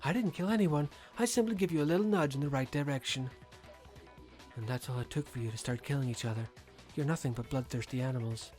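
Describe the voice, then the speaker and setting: Woman voicing a gloating young villainess, coldly satisfied, swinging pitch. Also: lively intonation, fast talker, hardly any pauses, a little mellow, faint music behind. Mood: scornful. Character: gloating young female villain, theatrical, switching moods. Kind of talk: acted video game dialogue.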